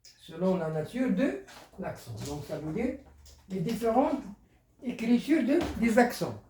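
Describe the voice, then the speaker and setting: A teacher talks through a primary school lesson at an unhurried pace, repeating each word so young pupils can follow. The pitch moves lively up and down, and the voice rings in a roomy, echoey space. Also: a little hiss or hum. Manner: repeats words, explains step by step. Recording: echoey room.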